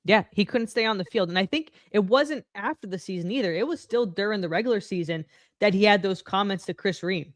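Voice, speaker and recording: A woman's voice: mid-range voice, fairly quick, no echo. Female sports podcast co-host, blunt and stat-minded, dry close sound. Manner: blunt, dismissive, stat-driven. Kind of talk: casual sports chat.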